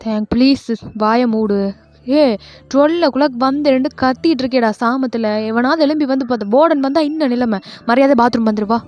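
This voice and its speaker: A woman's voice: high voice, fairly quick, a little mellow, close to an everyday voice. Woman voicing a jealous, curt young man. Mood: harsh. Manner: harsh, scolding, threatening. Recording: lo-fi voice with faint music.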